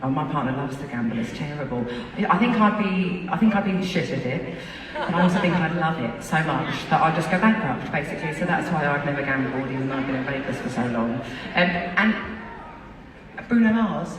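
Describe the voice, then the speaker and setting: A woman's voice: sits low, animated, a little fast, background noise. A woman singer bantering with her audience on stage, chatty, cheeky and often giggling. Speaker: singer performing a concert. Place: large indoor concert venue. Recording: distant echoey arena recording, loud crowd.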